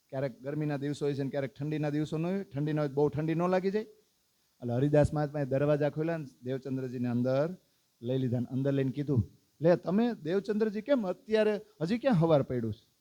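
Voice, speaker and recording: A man tells a religious story as a sermon, in a voice pitched somewhat high. He keeps asking his listeners questions and voices the characters' lines himself. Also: fairly quick, dark tone. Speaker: religious discourse speaker. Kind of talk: storytelling sermon to a live audience.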